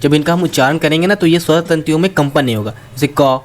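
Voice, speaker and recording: Guy teaching the alphabet, kinda high voice, keeps asking stuff then answering it himself. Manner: asks the viewer questions, then answers them himself; sounds out single letters slowly and carefully. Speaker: Hindi teacher. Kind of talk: explanatory lesson.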